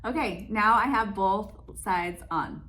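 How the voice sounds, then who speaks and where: A woman's voice: mid-range voice, slow pace, bright, forceful tone, slight background noise. Young woman, casual tutorial host, chatty and giggly. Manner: chatty, laughs often, many fillers. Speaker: beauty vlogger. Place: room in her salon.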